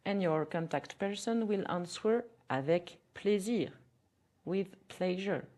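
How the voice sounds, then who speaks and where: Slow, low-voiced French-accented woman teacher. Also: dark tone. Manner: slow, careful, repeating phrases for learners. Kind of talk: podcast language lesson.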